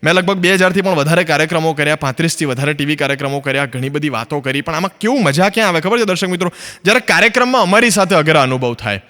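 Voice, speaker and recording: Rapid-fire and animated, a man with a fairly high, pushed, bright voice does stand-up in an Ahmedabadi Gujarati accent. He hails from Ahmedabad, Gujarat, India, and is filmed on stage for a comedy recording, with a long reverb tail. Chatty throughout, he acts out both parties in his tales.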